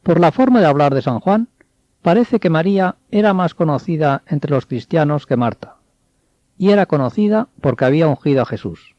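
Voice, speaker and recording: A man giving a measured, explanatory commentary on scripture. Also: fairly high pitch, lively intonation, no echo. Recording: dull, dry studio sound.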